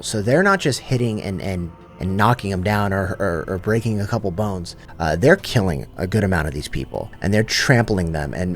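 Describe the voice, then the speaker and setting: A man casually retelling a long story in loose, slangy everyday speech, paraphrasing the characters as he goes. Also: fairly low pitch. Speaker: lore channel host. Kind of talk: casual abridged lore retelling.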